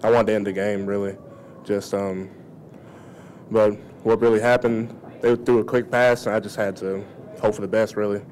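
A man's voice: on the low side, level tone, moderate pace, a little mellow. A young man, a college football player, casually recounting plays at a postgame press conference into a table mic. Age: young adult.

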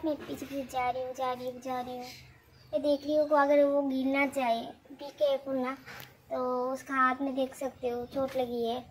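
A woman tells a casual vlog in a very high, fairly even voice. She is chatty and scolds her dog as she goes. The phone recording has a faint hiss of noise behind her. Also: poor audio. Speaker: vlogger.

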